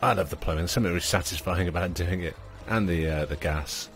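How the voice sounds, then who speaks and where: This gaming channel host has a low-sitting voice with a fairly bright tone, speaking fast over faint music. His let's play commentary is casual, thought-aloud, and packed with fillers, and he now and then addresses the little characters in his game.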